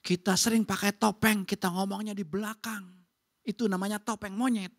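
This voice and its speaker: A woman pastor preaching a sermon in a church, talking in a lively, conversational way straight to the congregation. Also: mid-range voice, a little fast.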